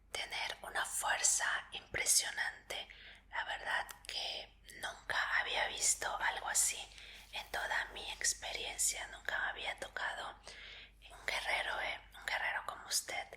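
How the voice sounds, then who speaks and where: In a gentle, polite, and reassuring manner, a woman speaks in a breathy whisper while roleplaying a medical examiner for ASMR.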